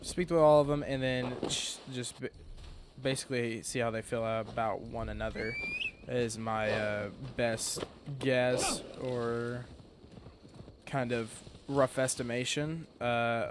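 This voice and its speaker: A man's voice: medium pitch, slight background noise. A man giving casual, rambling gameplay commentary, sleepy and yawning, correcting himself often. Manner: rambling, many fillers and restarts, self-correcting. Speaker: gaming commentator.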